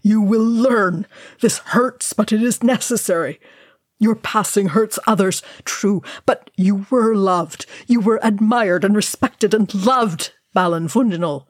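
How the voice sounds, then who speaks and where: A woman voicing a gruff, stern male dwarf king who growls and commands. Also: on the low side, takes it slowly, hardly any pauses, warm tone, no room sound, clean studio sound. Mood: commanding.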